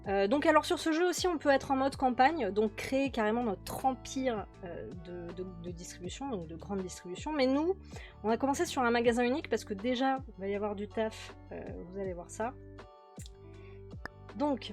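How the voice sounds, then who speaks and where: A woman hosting a game commentary video, chatty, with many fillers and repeated words. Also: a little high. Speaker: host playing a management game. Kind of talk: casual let's-play commentary. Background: faint background music.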